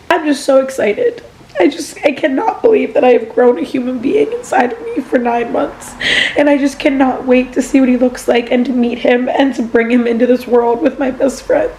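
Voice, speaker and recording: A woman's voice: sits high, moderate pace, mellow, reverberant, slight background noise, rough recording. Chatty young woman vlogging. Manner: gushing, many "like"s and "literally"s. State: tearful, close to crying. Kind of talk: casual vlog chat to camera.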